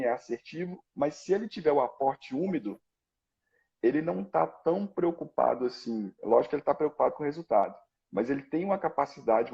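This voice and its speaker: A man, a guest expert, explaining in a measured way, step by step, in a conversation. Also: mid-range voice, vocal fry, warm tone, lo-fi sound.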